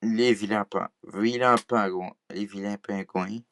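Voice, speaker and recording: A vlogger from Quebec speaks casually to camera in Québécois French, hesitating often with lots of fillers and restarts. His voice is on the low side and fairly bright, with a steady tone and measured pace. There's a little hiss or hum in the recording.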